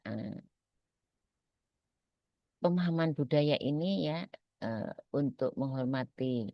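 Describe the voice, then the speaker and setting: A woman trainer giving a spoken training lecture in a conversational way, often checking in with her listeners and pausing to find her words. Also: very deep voice, no echo. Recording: dull lo-fi recording.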